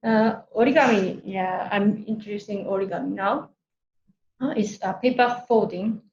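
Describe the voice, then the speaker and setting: A woman from Tokyo with a Japanese accent gives an informal online workshop presentation, hesitantly searching for words in her second language. Her voice is medium-pitched and a little mellow at normal speed. The recording is muffled, with a roomy echo and clear background noise.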